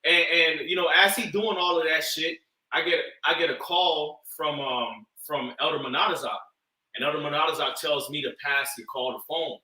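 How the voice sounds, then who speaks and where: A man's voice: fairly high pitch, normal speed, pushed and bright, far from the mic. A man talking in loose casual chat, swearing and using many fillers. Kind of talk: casual storytelling. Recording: echoey room, off the mic.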